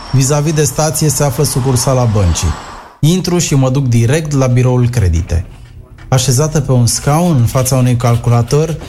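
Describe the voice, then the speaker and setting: A man narrating a comic story in the first person with dry, deadpan humor. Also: medium pitch. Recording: noisy recording.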